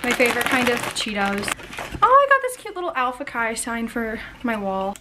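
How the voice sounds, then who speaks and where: A woman's voice: a little high, big pitch swings, normal speed, very noisy. A young woman with a bubbly, gushing sorority-girl manner, chatting casually for a vlog. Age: young adult. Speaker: vlogger, college sorority member.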